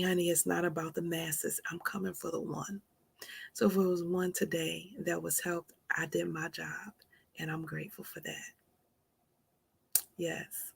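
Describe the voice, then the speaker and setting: A woman with a fairly low, gravelly, husky voice hosts a motivational live stream. She drops into soft whispers for emphasis and calls her listeners honey.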